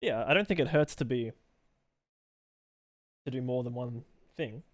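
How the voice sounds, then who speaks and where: Drawing on a live stream, a young man rambles through loose chat, reading viewers' messages aloud and replying to them. He speaks at a measured pace with medium pitch, in a dry, studio-quality recording.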